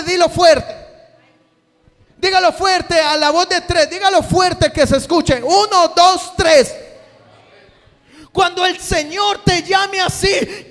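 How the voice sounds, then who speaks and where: Male preacher, very high voice, impassioned sermon, rhetorical questions, church auditorium, long reverb. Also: fairly bright tone. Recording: reverberant hall with faint music.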